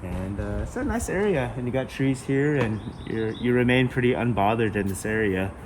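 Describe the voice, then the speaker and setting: Echoey, low-key man giving a home tour. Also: expressive, normal speed. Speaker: real estate agent giving an open house tour. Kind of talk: casual walk-through home tour narration. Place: inside a mostly empty house, walking through. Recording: echoey empty rooms, distant mic, background noise.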